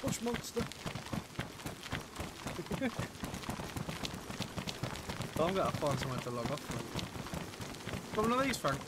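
A man's voice: on the high side, takes it slowly, long pauses, very noisy. A man streaming a survival game, chatting casually with friends, swearing a lot and yelping in surprise. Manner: excitable, swears a lot, loud yelps of surprise. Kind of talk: casual gaming chat.

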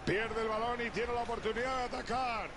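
A man giving brisk, excitable play-by-play commentary for a football video game. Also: extremely high pitch. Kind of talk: broadcast match commentary. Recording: game audio under loud stadium crowd.

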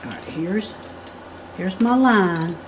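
This drawing tutorial features a fairly low-voiced woman from the United States, a craft instructor who talks through each step casually and slowly, with a sing-song lilt. She's filmed from overhead at an indoor work table, with a faint hum of background noise.

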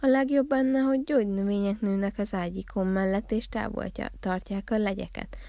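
A woman voicing a proud, gruff male wild boar in a storybook reading, grunting out his boasts. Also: medium pitch, steady tone, warm tone, no echo, close to an everyday voice. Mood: boastful.

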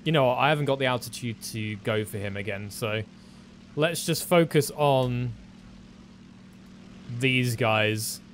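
A man's voice: medium pitch, unhurried, pauses often, a little hiss or hum. A man commentating his own flight-combat gameplay, laughing often and cracking up at his wins. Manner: giggly, breaks into frequent laughter. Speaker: gaming commentator.

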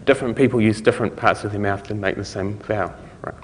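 A middle-aged man giving an informal conference lecture, explaining things in a halting way with trailing thoughts. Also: fairly low pitch, steady tone, slight background noise. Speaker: conference speaker. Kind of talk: technical lecture to an audience. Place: conference lecture room, indoors. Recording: reverberant hall recording.

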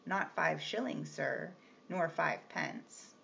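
A woman's voice: low-pitched, takes it slowly, creaky, a bit bright, full character voice. A woman reading the part of a composed young governess, polite but firm and restrained. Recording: slightly muffled with faint hiss.

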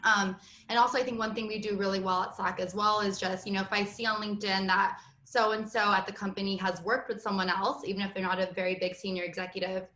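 A woman's voice: medium pitch, little pitch movement, quick pace, bright, forceful tone, a little hiss or hum. A woman in her thirties speaking on a video call panel about customer success, chatty with many fillers. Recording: roomy video call audio.

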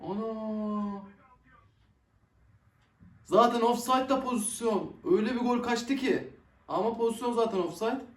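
Excitable young man reacting to football. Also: extremely high pitch, unhurried, long pauses, distant mic. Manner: excitable, swears and groans at missed chances. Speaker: football reaction video host. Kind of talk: casual live match reaction. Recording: echoey room, voice a bit off-mic.

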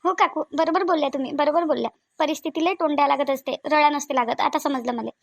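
A lonely young mom in a cartoon, varhadi accent, high and plaintive, dry close sound. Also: female voice, fairly even intonation, fast, gravelly, no echo. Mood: sad. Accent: Varhadi Marathi. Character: lonely young new mother in hospital, sad. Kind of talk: cartoon voice acting.

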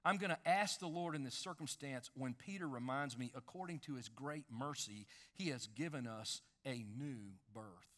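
A man in his fifties preaching a sermon on a large dark church stage, animated, swinging between loud emphasis and hushed lines. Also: mid-range voice, moderate pace, few pauses. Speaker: pastor.

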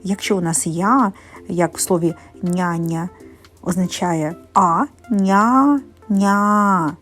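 A woman teaching in a methodical way, pronouncing sounds and syllables slowly and carefully. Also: lowish voice, steady tone, faint music behind. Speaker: primary school teacher.

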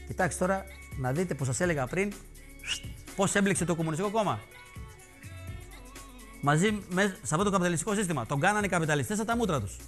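A male TV host talks with a slightly higher-than-usual voice, delivering biting, sarcastic commentary. He rants in a lively, mocking way from a studio, with faint music under him. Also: pauses often. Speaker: TV show host. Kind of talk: satirical political commentary. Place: television studio.

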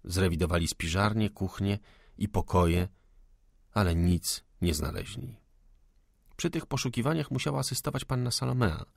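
A man reading a classic novel as an audiobook narrator, measured and literary. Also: low voice, gravelly, dry recording, studio quality. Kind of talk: scripted narration.

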